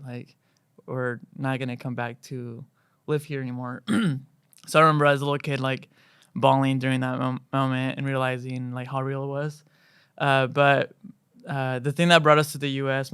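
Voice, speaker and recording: A man in his thirties, from Chile and a native Spanish speaker, recalls his life in a casual podcast interview. He talks in a relaxed, halting way full of fillers, his voice smooth and clear but held to a narrow, even pitch. The recording is close and dry. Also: no echo. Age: 30s. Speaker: worship director, podcast guest.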